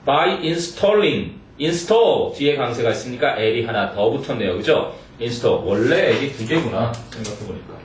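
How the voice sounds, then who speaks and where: A man teaching English to high school students, reading English phrases slowly and checking in with the class. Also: expressive. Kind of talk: exam-prep lecture. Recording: echoey room, mic far off, faint noise.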